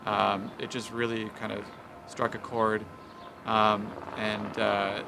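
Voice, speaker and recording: A man's voice: fairly low pitch, level tone, takes it slowly, vocal fry. Man talking over street traffic. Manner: hesitant, many fillers. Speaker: record producer. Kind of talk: reflective interview answer. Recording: outdoor street noise behind voice.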